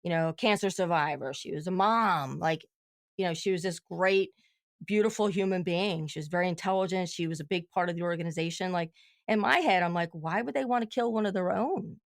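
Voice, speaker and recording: A woman's voice: fairly low pitch, brisk, dry recording, studio quality. A woman guest on a podcast who tells her story animatedly and acts out both sides of each conversation. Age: adult with children. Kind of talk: storytelling in casual chat.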